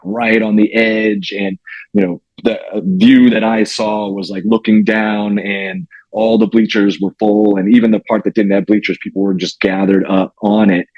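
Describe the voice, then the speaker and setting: A middle-aged man, a former wrestler, reminiscing casually in a measured way with fillers. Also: deep voice, a little mellow, husky, no room sound, rough recording. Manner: measured, uses fillers, says "right?". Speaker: podcast guest, documentary maker.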